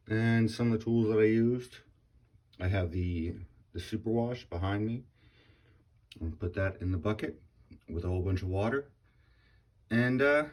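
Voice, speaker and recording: Low-voiced man narrating a hands-on demo. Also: a little mellow. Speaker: vlogger. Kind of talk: casual demonstration narration.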